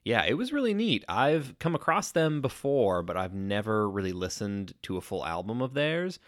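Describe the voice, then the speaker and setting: Man, deep voice, stuffy nose, laid-back podcast co-host, dry close sound. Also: sing-song, normal speed, a bit bright, dry recording. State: congested from allergies. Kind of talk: casual chat.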